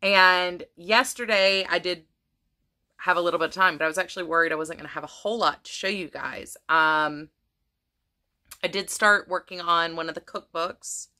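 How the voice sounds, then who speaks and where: An American crafting vlogger chats casually to her viewers about her crafts, and her voice is starting to go. Her voice is lowish and sharp in tone, and she talks at a moderate pace while rambling with lots of restarts.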